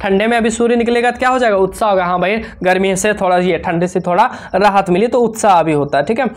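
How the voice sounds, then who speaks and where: A woman's voice: mid-range voice, quick pace. A woman teacher, running an exam revision lesson. She keeps asking questions and answering them herself, repeating the key points. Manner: repetitive, asks and answers own questions.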